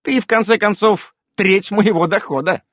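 A man reading an audiobook, voicing a brisk, sharp-tongued adult witch who scolds and insists. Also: sits high, no room sound, clean studio sound, pitched above the performer's own voice. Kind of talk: audiobook character voice.

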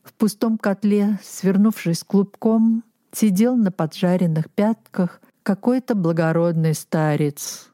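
A woman narrating a literary story in a measured, even reading on a close mic. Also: medium pitch, no room sound. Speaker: audiobook narrator.

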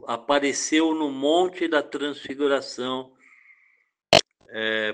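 A man with a Brazilian Portuguese accent, a pastor giving a devotional Bible commentary, reading scripture aloud with deliberate pauses. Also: on the high side, fairly bright tone.

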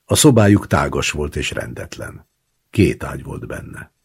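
Very deep gravelly male storyteller. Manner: first-person storytelling, lively delivery of dialogue. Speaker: audiobook narrator. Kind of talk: literary audiobook reading.

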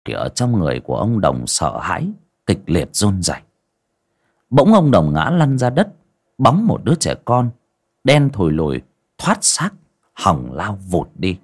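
A man narrating a horror story in a dramatic, expressive way. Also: deep voice, measured pace, slightly rough. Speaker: audiobook narrator.

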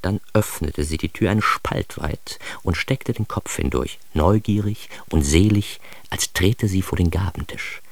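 An actor plays an ironic, self-important man narrating his own childhood in a scripted first-person radio drama, giving it wry, mock-grandiose emphasis and an air of wry admiration. His low-pitched voice moves a little slowly, with no room sound.

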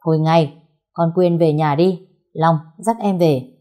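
A woman voicing a stern middle-aged auntie in a story, with sharp scolding. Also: fairly low pitch, animated, brisk, breathy edge.

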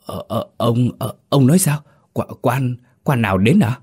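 A man's voice: fairly low pitch, very animated, moderate pace, a little mellow, slightly rough, no echo, clean studio sound. A man voicing a terrified skinny young servant who stammers and pleads with his master.

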